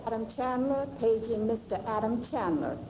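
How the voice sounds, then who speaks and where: Brief: hospital operator, soft polite loudspeaker page, higher voice, echoey with background noise. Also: female voice, animated, normal speed. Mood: formal. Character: female hospital operator paging over the speakers. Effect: paging announcement over a building loudspeaker.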